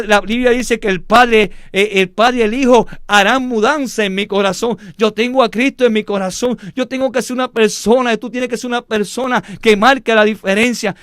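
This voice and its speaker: A male pastor delivers a fervent sermon in a notably high, smooth voice. His sound is close and dry. He speaks straight to his listeners and acts out scenes from scripture. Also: fairly bright tone, dry recording. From Puerto Rico. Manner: fervent preaching, addresses listeners directly; acts out biblical voices with sudden drops and rises. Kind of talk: radio sermon.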